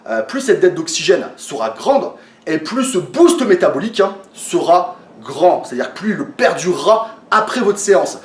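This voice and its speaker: Hesitant fitness coach, echoey room. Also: male voice, high voice, far from the mic. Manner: hesitant, many fillers and restarts, addresses viewers as friends. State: a little tired. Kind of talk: casual explanatory talk to viewers.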